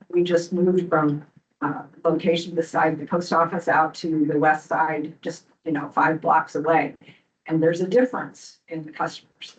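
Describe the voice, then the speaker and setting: A woman giving a hesitant public comment at a board hearing, full of ums and restarts, in a courtroom-style recording. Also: low-pitched. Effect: courtroom-style hearing room recording. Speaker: local business owner speaking at a public hearing. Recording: dull distant hearing room recording.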